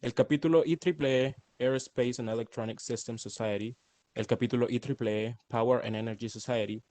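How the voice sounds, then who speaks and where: A man's voice: mid-range voice, fairly even intonation, brisk, a little mellow, dry recording. A man hosts a formal event as moderator. He reads aloud in an orderly, ceremonious register, and the sound is dry with little room around it.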